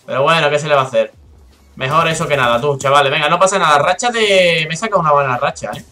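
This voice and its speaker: A young man from Spain with a Spanish accent, excitably commentating a live shooter game, swearing and chatting with his viewers. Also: fairly high pitch, fast talker. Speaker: gaming streamer.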